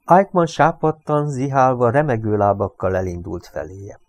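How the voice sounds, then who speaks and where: A man reading a crime novel aloud as an audiobook in measured storytelling fashion, raising his voice for shouted dialogue. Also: mid-range voice, steady tone, no room sound. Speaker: audiobook reader.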